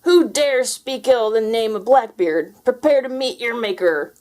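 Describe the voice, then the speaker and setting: A woman's voice: measured pace, a little mellow, natural voice. A woman voicing a ferocious growling storybook pirate ghost. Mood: menacing. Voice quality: growling, booming. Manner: storybook character voice with pirate dialect.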